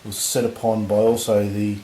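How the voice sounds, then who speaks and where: A man with a husky voice from recent illness, giving relaxed, rambling commentary on a tabletop battle. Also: fairly low pitch, normal speed. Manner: relaxed, rambling, lots of fillers. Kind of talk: casual game commentary. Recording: echoey room with faint noise.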